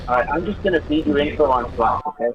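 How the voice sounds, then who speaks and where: A man comes through a remote feed that sounds hollow and echoing, like he is standing in a tunnel. The line is dull and muffled, with a clear hiss of noise beneath him. He keeps it short and practical, just checking that the others can hear him. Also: a little high, fast talker, a bit bright. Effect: hollow echoing tunnel sound on a remote connection. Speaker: remote race reporter. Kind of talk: casual broadcast chat.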